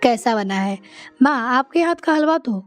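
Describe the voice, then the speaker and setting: A woman's voice: high-pitched, expressive, moderate pace, faint music behind. A woman voicing a cheerful young adult son who praises his mother's cooking, in a storybook tale. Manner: cheerful, teasing.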